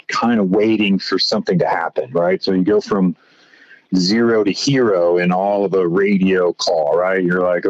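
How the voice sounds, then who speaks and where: A man's voice: low voice, no echo. A man guesting on a podcast, telling stories casually, rambling with lots of "you know" and "right?". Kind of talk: casual conversational storytelling. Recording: slightly dull lo-fi audio.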